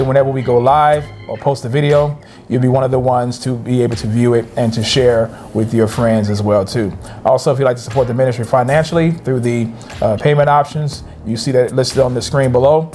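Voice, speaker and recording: A man co-hosting a couples' ministry channel, chatting in a lively, teasing way. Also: mid-range voice, a little fast, soft background music. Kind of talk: casual chat.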